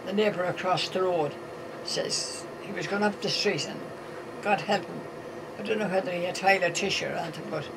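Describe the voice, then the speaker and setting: Creaky, high-voiced Irish man telling yarns. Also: brisk. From Ireland. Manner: rambling, folksy, acts out dialogue. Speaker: storyteller telling jokes. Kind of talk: casual anecdotal storytelling. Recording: noisy amateur recording with steady hum.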